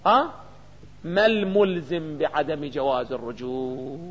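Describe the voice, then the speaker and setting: A man with an Iraqi Arabic accent delivers a seminary lecture on a legal text in jurisprudence, his fairly high voice animated, a little slow, a bit bright and edged with breath. He quizzes the class with rhetorical questions and then answers them himself. The audio is dull and lo-fi, with a long reverb trailing through the hall.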